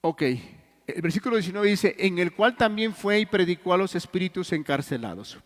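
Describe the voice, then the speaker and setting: A man preaching a sermon in Mexican Spanish, telling stories earnestly and swinging between loud and hushed. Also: high voice, expressive, a little fast. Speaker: pastor. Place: church hall. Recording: long church reverb.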